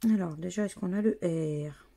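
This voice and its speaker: Speaking at a moderate pace, a French woman with a lowish, warm voice and some vocal fry narrates casually as she scratches lottery tickets. She spells each letter out individually as she goes.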